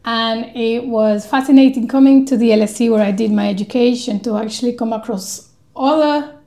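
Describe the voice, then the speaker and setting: A woman from Colombia with Spanish as her first language, speaking as a guest researcher in a podcast interview, measured and thoughtful with frequent pauses. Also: a little high, warm tone, roomy sound.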